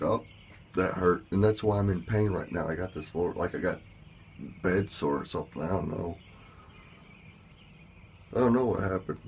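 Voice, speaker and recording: A man telling a story in a casual vlog, rambling with lots of fillers and small laughs, with a sore lower back. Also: creaky, a little mellow, slight background noise. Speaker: vlogger.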